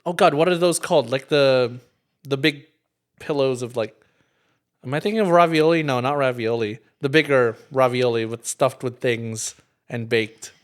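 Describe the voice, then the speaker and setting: A man's voice: medium pitch, moderate pace. A man co-hosting a podcast in casual chat, quizzing his friend, laughing often and hunting for words. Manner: giggly, quizzing, loses words mid-sentence. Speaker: podcast co-host, quizmaster.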